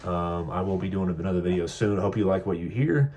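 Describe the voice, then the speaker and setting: A man's voice: sits low, a little fast, a little mellow. A man giving casual political commentary in a vlog, sarcastic and joking, rambling with lots of fillers. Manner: mocking impressions of politicians. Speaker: political vlogger.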